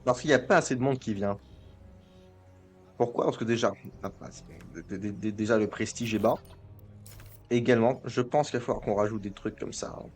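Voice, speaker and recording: A man's voice: fairly low pitch, fairly quick, slightly rough, soft background music. A young man rambling and joking as he comments on a management game, often stumbling over his words and restarting. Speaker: gaming video creator. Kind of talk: casual gameplay commentary.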